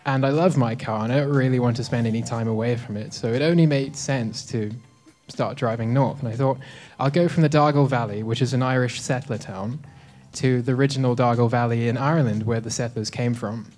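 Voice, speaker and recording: A young man from South Africa stands with a handheld microphone and tells his story to a live audience. His pitch sits in the middle for a man. He keeps it relaxed and self-deprecating and often stops to say "um". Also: brisk, few pauses, soft background music. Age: 20s. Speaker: speaker at a live talk event. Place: dim lecture hall with a projector screen.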